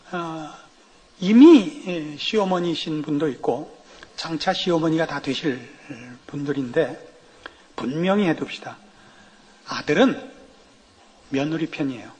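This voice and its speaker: A middle-aged male pastor preaching with a husky, slightly breathy voice that rides fairly high for a man and swings widely up and down. His delivery is animated and storytelling-driven. The sound carries a long hall reverb from a church sanctuary. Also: takes it slowly, long pauses. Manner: lively, animated storytelling with acted quotes. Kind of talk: sermon with humorous anecdotes.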